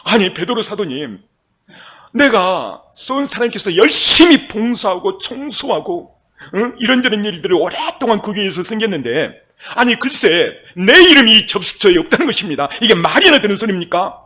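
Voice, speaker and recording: Guy doing a husky old church elder, outraged, loud and whiny, sermon skit. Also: high-pitched, sing-song, normal speed, pitched above the performer's own voice, full character voice. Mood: aggrieved. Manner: pleading, protesting loudly.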